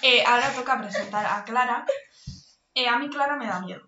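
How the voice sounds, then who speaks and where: A woman's voice: fairly high pitch, brisk. A young woman, co-hosting a podcast, rambling and poking fun at herself. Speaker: podcast co-host. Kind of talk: casual chat among friends. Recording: echoey room, dull lo-fi sound, faint hiss.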